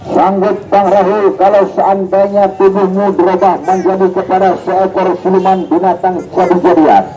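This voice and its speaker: A man's voice: sits high, slight background noise. A man doing theatrical street show patter as a snake oil seller, commanding his onlookers with incantatory, repeated calls. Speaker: street medicine seller and showman. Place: outdoors at a roadside. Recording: dull lo-fi distant mic, loud background music.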